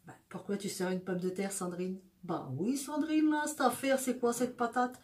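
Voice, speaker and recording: A woman voicing a teasing onlooker in a put-on Belgian French accent, lower and hushed. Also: expressive, normal speed, natural voice. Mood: mocking.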